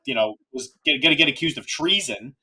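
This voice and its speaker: A man hosting a casual podcast, talking in an animated, rambling way with lots of filler asides. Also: mid-range voice, brisk, slightly rough. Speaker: podcast host.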